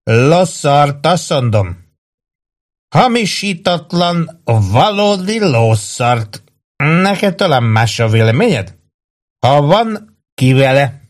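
A man reading aloud and voicing a drunk, blustering middle-aged army sergeant who talks loud and drawn out. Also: on the high side, big pitch swings, voice pushed up. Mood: ranting drunk.

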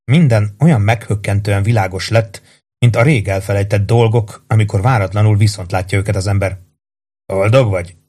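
A man narrating a novel in a steady, even storytelling voice. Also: fairly low pitch. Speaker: audiobook narrator.

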